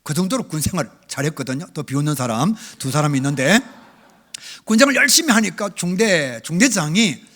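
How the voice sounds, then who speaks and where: A middle-aged male pastor preaching a revival sermon, telling his own story with big swings between loud and hushed. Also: fairly high pitch, animated, fairly quick. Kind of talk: revival sermon with personal testimony. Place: church sanctuary.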